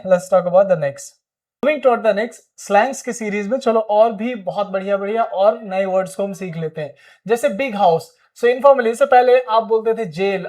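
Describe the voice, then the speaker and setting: A man's voice: high-pitched, darkish tone. A man with an Indian accent teaching spoken English, explaining in Hindi and prompting viewers to repeat phrases. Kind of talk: energetic classroom-style lesson.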